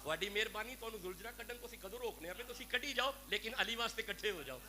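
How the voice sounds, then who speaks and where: A man's voice: high voice, expressive. A Pakistani man with a Punjabi accent preaching a devotional sermon to a gathering, fervent and pleading as he addresses his listeners directly. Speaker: Sufi preacher. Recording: noisy live recording with hum.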